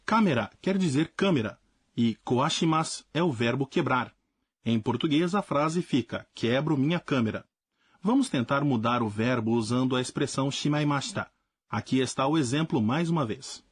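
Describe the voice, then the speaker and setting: Guy reading out a language lesson, clear explaining tone, bit husky, dry studio sound. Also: medium pitch, expressive, moderate pace, dry recording. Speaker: language teacher. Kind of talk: scripted lesson narration.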